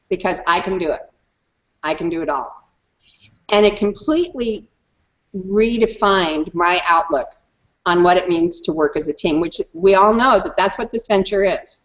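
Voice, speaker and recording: Woman guest, animated storyteller, emphatic; slightly muffled call audio. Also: medium pitch. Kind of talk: personal story in an online hangout.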